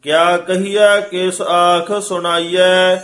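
Man slowly singing a devotional hymn. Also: sits high. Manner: slow, even sung melody.

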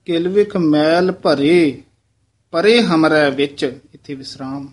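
Slow, careful man teaching recitation. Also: on the high side. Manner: slow, careful modeling of phrasing, then quick explanatory asides. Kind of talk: recitation lesson with corrections.

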